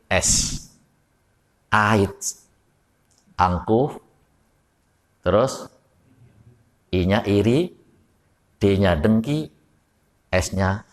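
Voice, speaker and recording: A man's voice: lowish voice, in a large hall. A Javanese man preaching a folksy study sermon to his congregation, often putting questions to the audience. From Java. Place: mosque hall.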